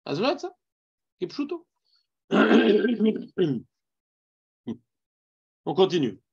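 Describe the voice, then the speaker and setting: A man with a Parisian accent leads a Talmud class in a high voice that swings widely in pitch. He keeps putting questions to his students and mixes Hebrew terms into his French. The recording sounds dull and lo-fi. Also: sing-song, drawn-out words, vocal fry, a little mellow, slightly rough. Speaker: rabbi teaching Talmud.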